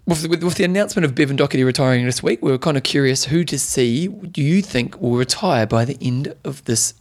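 Male podcast host, broad Kiwi accent, mid-pitched voice, casual sports chat full of matey slang. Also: a little fast. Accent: broad New Zealand.

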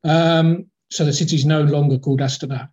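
Here the former club executive sounds a little high and brisk, with fairly even intonation and a darkish tone. Speaking from Kazakhstan's capital as a guest in a relaxed interview, he rambles and hesitates, restarting often and leaning on fillers, all through dull audio.

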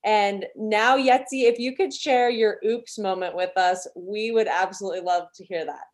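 Woman hosting a podcast, friendly, mid pitch, casual chat. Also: fairly even intonation, normal speed. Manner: friendly, thanking and introducing the guest. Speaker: podcast host.

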